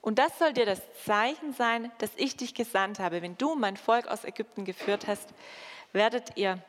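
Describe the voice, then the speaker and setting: A woman preaching a sermon and reading scripture in a slow, measured way with dramatic pauses. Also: fairly high pitch. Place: church. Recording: long church reverb.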